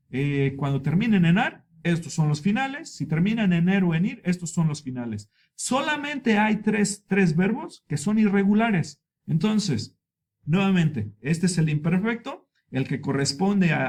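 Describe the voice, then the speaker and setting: Lively, high-voiced Spanish teacher. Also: male voice. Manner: patient, repeats points slowly for learners; stretches example words out slowly. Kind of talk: explaining grammar at a board.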